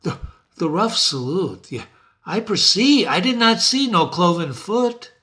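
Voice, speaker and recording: A furious old witch screeches and curses in a shrill, high voice, as a man puts her on. Her lines leap and swoop in pitch. She comes across as a reading from a storybook. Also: very animated, a little slow, sharp tone, full character voice. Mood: fawning. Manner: shrieking, cursing.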